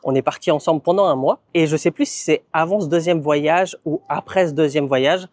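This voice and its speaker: A man's voice: on the high side, fairly quick, darkish tone, dry recording. Chatty man telling his story. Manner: conversational, frequent fillers and tag words. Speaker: vlogger. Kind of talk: casual vlog narration.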